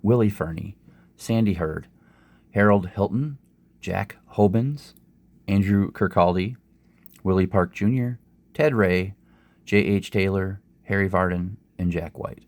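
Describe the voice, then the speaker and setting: A male gaming host speaks in a very low, gravelly voice, worn by a sore throat and a cold. His delivery is low-energy and unhurried as he casually narrates results from a simulated golf tournament. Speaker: host of a sports gaming channel.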